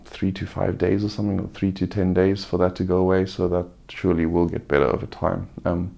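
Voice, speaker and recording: A man giving a casual, unscripted personal update, sounding subdued and halting, weary and sore-throated after surgery, with a gravelly voice. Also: deep voice, little pitch movement, mellow, highs cut off. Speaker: vlogger giving a recovery update.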